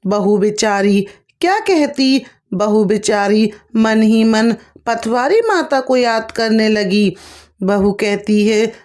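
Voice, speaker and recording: A woman narrating a devotional folk tale in a homely, unhurried way. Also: fairly high pitch, darkish tone. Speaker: storyteller.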